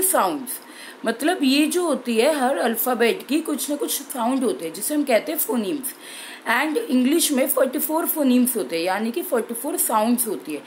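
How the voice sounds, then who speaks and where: A young woman teacher explaining an exam-prep language lesson clearly and steadily, slowing down on key terms. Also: on the high side, darkish tone, slight background noise, poor audio.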